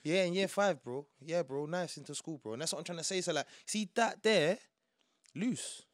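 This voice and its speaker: A man's voice: on the high side, normal speed, no room sound, studio quality. A young man with a London roadman accent, chatting casually with lots of slang and tag words. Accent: London roadman, Multicultural London English. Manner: slangy, frequent "like" and "innit". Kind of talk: casual group chat.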